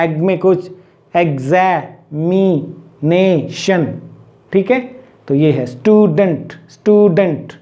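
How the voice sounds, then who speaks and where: A man's voice: sits high, darkish tone, muffled recording. A male grammar teacher, explaining in Hindi and drilling word lists aloud, putting questions to his class and answering them himself. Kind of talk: classroom-style lesson.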